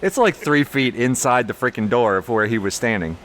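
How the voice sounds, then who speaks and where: A man's voice: a little fast, a little hiss or hum. A man co-hosting a casual podcast, telling bar stories with lots of energy and acted-out voices. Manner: animated, jumps high when acting out the story. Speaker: podcast co-host, brewery owner. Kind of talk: casual storytelling chat.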